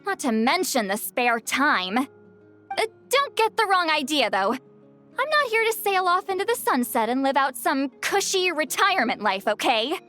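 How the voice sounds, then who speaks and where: In video game voice acting over faint music, a woman gives a full character voice to a proud former commander who is defensive and quickly flustered. Her high-pitched, sharp voice swings widely in pitch, and her manner is guarded and wry.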